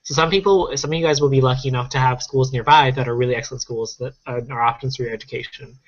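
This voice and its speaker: A man's voice: mid-range voice, steady tone, fast, slight background noise. A young man from Arizona, a college sophomore on a student panel, laying out his reasons step by step with some fillers. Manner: organized, thinking aloud with fillers. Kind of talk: casual panel talk. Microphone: video call. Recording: lo-fi video call audio.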